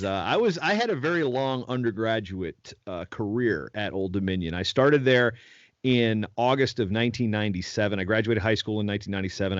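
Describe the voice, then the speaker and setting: A man's voice: on the low side, no echo. Middle-aged man telling rambling stories. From Virginia. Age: 40s. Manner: rambling storyteller with many restarts. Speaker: podcast guest. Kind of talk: casual conversational interview. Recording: dull lo-fi audio, dry sound.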